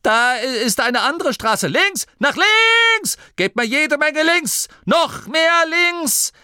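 Frantic shrieking gnome driver. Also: male voice, very high-pitched, moderate pace, no echo, studio quality, voice pushed up. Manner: shouting panicked directions.

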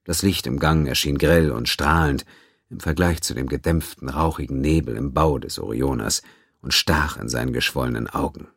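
A man narrating a science-fiction audiobook in a steady, even storytelling manner. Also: very deep voice, normal speed, vocal fry, breathy edge, dry recording, studio quality.

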